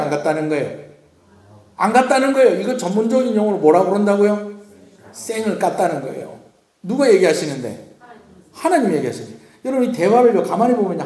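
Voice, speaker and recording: Male pastor, slightly high voice, preaches in a teaching, question-and-answer way. Recorded in a reverberant church hall. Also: darkish tone. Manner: asks the congregation questions and answers them himself. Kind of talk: sermon at a Friday prayer meeting. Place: church sanctuary. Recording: echoey church room.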